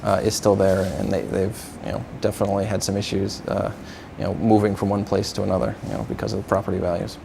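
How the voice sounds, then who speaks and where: A man in his thirties from the New York area, a physical therapist answering interview questions in a halting way, with lots of fillers. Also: lowish voice, little pitch movement, gravelly, background noise. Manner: halting, many uh fillers, agreeable.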